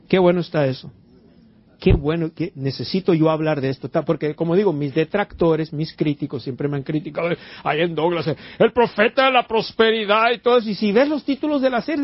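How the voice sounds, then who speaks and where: A husky, somewhat high-voiced man preaches. He keeps turning to the congregation with questions and scatters amens and hallelujahs through his teaching. The recording is dull and lo-fi. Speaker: pastor. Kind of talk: sermon. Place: church before a congregation.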